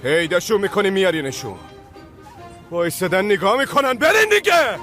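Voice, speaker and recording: A furious gang boss in a tv drama, high swinging voice yelling threats at his guys, music under it. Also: lively intonation. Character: volatile hot-tempered male gang boss. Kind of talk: TV drama dubbed dialogue.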